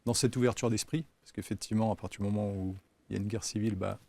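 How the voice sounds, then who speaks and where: Gravelly low-voiced man, measured. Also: steady tone, dark tone. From Yugoslavia, raised in France from age five. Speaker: company co-founder, guest. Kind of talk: casual interview talk.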